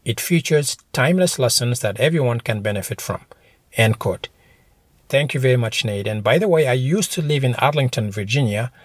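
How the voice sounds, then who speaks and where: Clear, dry-sounding male podcast host. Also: medium pitch, no room sound. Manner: encouraging, addresses listeners directly. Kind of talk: motivational talk to listeners.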